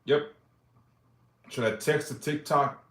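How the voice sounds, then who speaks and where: A man's voice: a little high, fairly even intonation, slow pace, a bit bright, reverberant. A man in his forties hosting a casual live stream, reading viewer questions aloud and answering them briefly, with loose, profane talk. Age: 40s. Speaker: livestream host answering yes-or-no questions.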